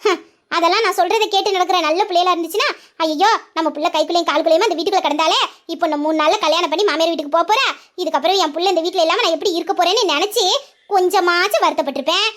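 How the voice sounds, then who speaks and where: Woman doing a cooing old granny, deep and low. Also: very fast, a bit bright. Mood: scolding. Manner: cooing, then nagging. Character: doting old grandmother, fussy and scolding.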